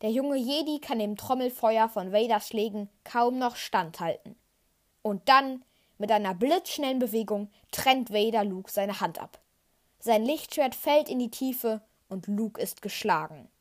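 A woman's voice: fairly high pitch, unhurried. A woman hosting a podcast, dramatically narrating a retold story. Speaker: podcast host. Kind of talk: scripted story retelling. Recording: narration over music.

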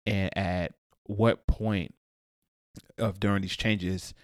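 A young man co-hosting a podcast talks slowly in a low-pitched voice with little pitch movement. He thinks aloud in a rambling, casual way, groping for words and quoting himself. It's studio quality with no room sound.

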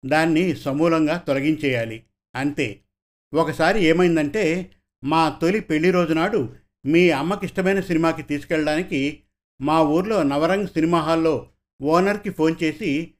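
A man voicing a gentle, reflective aging father who talks fondly to his daughter. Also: fairly high pitch, close to an everyday voice. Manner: warm, storytelling to his daughter.

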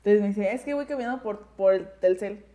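A woman's voice: medium pitch, fast talker. A young woman, co-hosting a podcast and joking as she tells her dating story. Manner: lively, joking, quotes herself. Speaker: podcast co-host. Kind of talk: casual chat.

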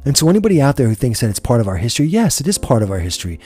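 A man's voice: medium pitch, big pitch swings, very fast, a little mellow, husky, soft background music. A man from the United States hosting a podcast, delivering an impassioned, profane political rant. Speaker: podcast host.

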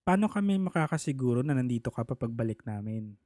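A man's voice: medium pitch, fast, no echo, studio quality. A man casually telling a personal story, acting out the people he quotes. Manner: animated, acts out the people he quotes.

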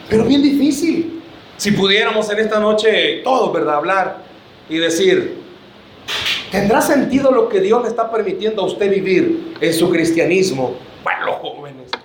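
A man's voice: high voice, roomy sound, a little hiss or hum. A man preaching a sermon to his church, joking and calling his listeners brother.

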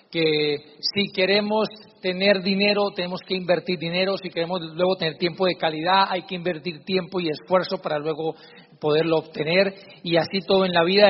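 A man's voice: high voice, big-room sound, slight background noise. Guy giving a preachy motivational talk on stage, muffled live recording. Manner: preachy, addresses the audience directly. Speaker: motivational speaker. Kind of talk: motivational talk with a storytelling segment.

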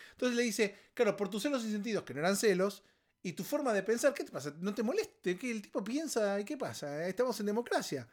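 A man with an Argentine accent hosting a podcast, riffing on a song in casual comedic commentary, animated and exasperated, mocking lines in a put-on voice. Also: high voice. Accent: Argentine Spanish. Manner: animated, exasperated, mock-quotes lyrics in a put-on voice. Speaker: podcast host. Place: home recording setup.

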